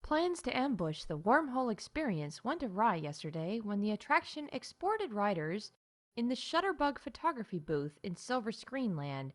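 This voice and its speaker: Playing a bright announcer for a theme park in space, a woman reads scripted jokes in a deadpan corporate tone, breaking off for emphatic asides. Her medium-pitched voice sounds close to how she'd normally talk.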